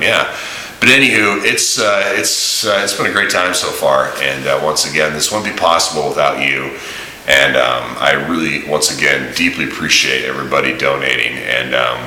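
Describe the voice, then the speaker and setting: A man's voice: very deep voice, bright, forceful tone. Rambling man in an echoey room. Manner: rambling, full of uh and um fillers. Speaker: mission-trip vlogger. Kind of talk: casual rambling video diary. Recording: echoey room with faint hiss.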